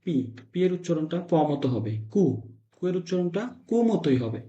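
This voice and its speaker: A man teaching Italian letter sounds to a class, drilling syllables in slow repeated chants. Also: a little high, animated, mellow. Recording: echoey room, dull lo-fi sound.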